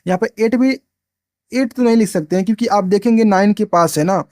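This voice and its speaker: A man's voice: sits high, brisk, a little mellow, no echo, studio quality. A man teaching a maths lesson step by step, asking and answering his own questions and repeating himself. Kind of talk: explaining at a board, step by step.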